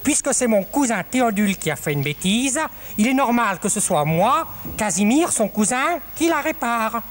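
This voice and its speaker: A man's voice: extremely high pitch, very animated, moderate pace. A man voicing a cheerful, clumsy dinosaur creature in a 1970s children's TV show, talking in a bouncy, childlike way. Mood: eager. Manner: bouncy, childlike, eager to help.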